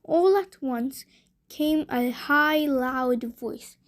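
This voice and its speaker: A woman narrating a bedtime story for children in a gentle, deliberate way. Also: sits high. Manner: slow, gentle, deliberate reading.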